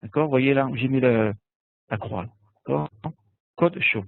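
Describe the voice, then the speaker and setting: Over an online call, a man teaches a biblical Hebrew lesson, patiently explaining, repeating words, and frequently checking in with "d'accord?". His voice is mid-range and gravelly at a moderate pace, with no echo, though the webinar audio sounds tinny and phone-like.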